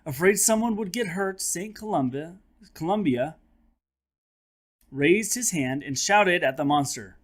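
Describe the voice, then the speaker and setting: A man acting as teacher and host reads a children's story in an unhurried way, his slightly high voice ranging widely in pitch. The reading is dramatic and expressive, with chatty asides aimed at young listeners.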